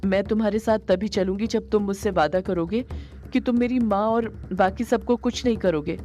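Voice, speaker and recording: A woman's voice: mid-range voice, normal speed, warm tone, soft background music, close to an everyday voice. A woman voicing a brave young daughter who speaks firmly to a villain.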